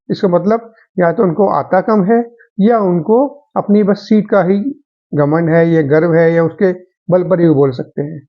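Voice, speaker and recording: Male motivational speaker, lighter high voice, earnest advice-giving tone, muffled lo-fi sound. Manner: earnest, advisory, addresses listeners as friends. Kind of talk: motivational talk to viewers.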